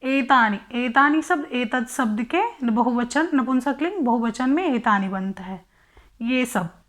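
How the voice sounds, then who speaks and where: A woman with a high, light voice walks slowly through a Sanskrit lesson, reciting word forms one by one. She talks at an unhurried pace, asks questions aloud and answers them herself, in a patient classroom manner. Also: expressive, fairly bright tone. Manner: methodical, recites word forms one by one and explains each in Hindi. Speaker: Sanskrit teacher. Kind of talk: exam-prep textbook lesson.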